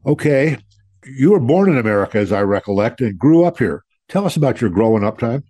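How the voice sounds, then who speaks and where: A man's voice: medium pitch, big pitch swings, a little fast, warm tone, husky, no room sound. A man hosting a veteran talk radio show, greeting listeners as troops and interviewing a guest in a folksy way.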